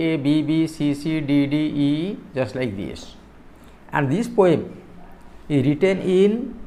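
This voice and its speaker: A male teacher with an Odia accent explaining a poem in a classroom lecture. He talks slowly and on purpose, repeats key words, and moves between English and Odia. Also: a little high.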